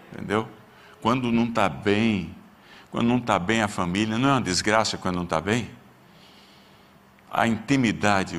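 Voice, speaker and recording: A man preaches a sermon. He tells a story from his own life with plain emotion, and his voice climbs higher at the big moments. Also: fairly bright tone. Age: 60s. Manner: emotional storytelling, voice rising in pitch at peaks. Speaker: pastor. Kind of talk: sermon with personal testimony.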